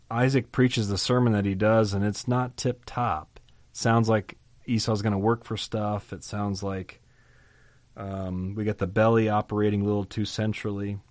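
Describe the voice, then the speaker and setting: A man teaching through a Bible chapter in a lively, conversational way, asking rhetorical questions and chuckling now and then. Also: lowish voice, no echo.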